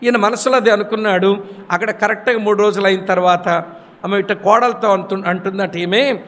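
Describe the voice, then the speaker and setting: A man preaching a sermon, telling stories and acting out the voices of the people in them. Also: brisk. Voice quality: high-pitched, animated storytelling with acted quotes. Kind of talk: sermon with storytelling. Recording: long hall reverb.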